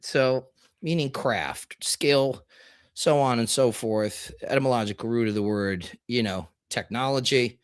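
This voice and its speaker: A man co-hosting a casual podcast roundtable, talking in a rambling, animated way, laughing often and swearing freely. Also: medium pitch, measured pace, smooth, no echo, clean studio sound. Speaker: podcast co-host presenting this month.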